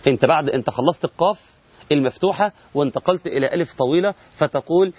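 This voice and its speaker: A man's voice: on the high side, racing, husky, no room sound. Egyptian male tajweed teacher, dry dull audio. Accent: Egyptian Arabic. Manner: explains step by step, asks and answers himself, drawls sample words. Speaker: Quran recitation teacher. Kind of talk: recorded tajweed lesson.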